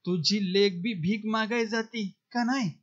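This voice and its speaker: Guy doing a stern village elder in a storybook, loud, high-ish, muffled audio. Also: measured pace. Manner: loud, questioning. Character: stern older male village council elder. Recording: dull lo-fi recording.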